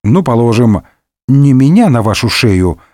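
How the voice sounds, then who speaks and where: A man's voice: medium pitch, big pitch swings, measured pace, a little mellow, no echo, studio quality. Cooing sly seductress, as a male reader puts her on. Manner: cooing and teasing, coldly sly in asides. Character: scheming seductive noblewoman, mocking.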